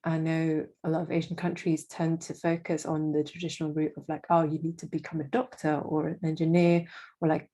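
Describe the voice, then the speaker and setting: Low, flat-voiced young woman guest. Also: fairly quick. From Indonesia. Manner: hesitant, many fillers and restarts. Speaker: guest, freelance marketing manager. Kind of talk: casual interview.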